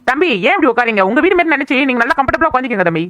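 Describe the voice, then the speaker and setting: Cartoon busybody, a young village woman, quick and scolding, played by a woman. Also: sits high, animated, fairly bright tone, no echo, lo-fi sound. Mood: welcoming. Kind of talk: cartoon voice acting.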